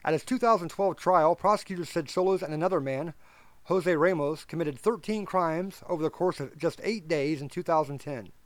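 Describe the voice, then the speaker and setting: Podcast host, male, slightly high voice, reads headlines then goes blunt and sarcastic; dry close mic. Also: moderate pace, no echo. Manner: reads news stories aloud, then adds blunt sarcastic commentary; stumbles and corrects himself while reading. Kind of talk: reading news and commenting.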